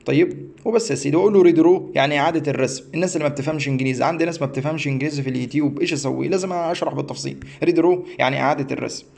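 A man's voice: on the high side, racing, vocal fry, hardly any pauses, a little mellow. A man with an Egyptian Arabic accent, explaining a website step by step in a rambling, repetitive way, often stumbling and restarting. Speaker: astrology teacher. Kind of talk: screen-share tutorial.

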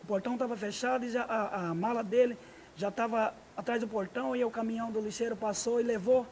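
A man's voice: very high voice, fast, a little hiss or hum. A man from Brazil, a guest singer who chats humbly and tells easygoing stories on a TV show. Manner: relaxed and humble, easygoing storytelling. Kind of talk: casual TV chat between songs. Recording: echoey room with loud guitar music.

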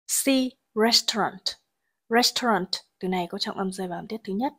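In this English lesson on grammar and pronunciation, a woman walks through each exam answer and reads sentences slowly before giving translations. Her pitch is medium and slightly rough.

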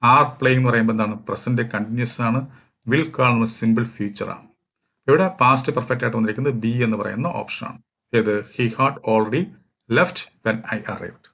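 A man from Kerala, walking through exam questions as a teacher, reading each question slowly and explaining at length with fillers. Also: mid-range voice, a bit bright. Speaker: English teacher for exam prep. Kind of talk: exam question walkthrough lesson.

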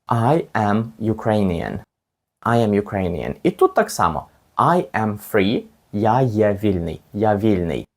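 A man teaching a language lesson step by step, patiently saying each phrase slowly and repeating it for the learner. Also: medium pitch, darkish tone.

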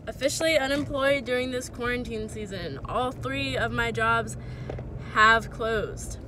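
With a slightly high, bright, forceful voice at a measured pace, a young woman in her twenties chats casually to the phone camera she holds at arm's length while shopping. She's first in store aisles, later in a parked car, and the rough recording carries a little hiss or hum.

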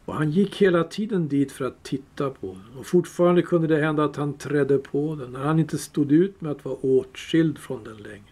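A man reading a fantasy novel aloud in a calm, measured storytelling voice. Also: on the high side. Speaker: reader. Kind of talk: audiobook reading.

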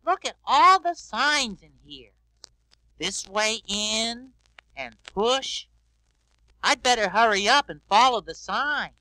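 A man voicing a big, sweet, childlike yellow bird on a read-along record, innocent and wondering aloud. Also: very high voice, lively intonation, slow pace, no echo, full character voice, poor audio. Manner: innocent, wondering, talks to himself.

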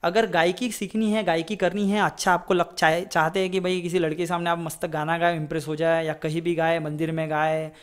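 A man's voice: a little high, flat delivery, fairly quick, hardly any pauses, clean tone. A man teaching a casual flute lesson, chatty and rambling, often checking in with his students. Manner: chatty, rambling, digresses into advice; repeats "ठीक है?" to check in. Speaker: music teacher.

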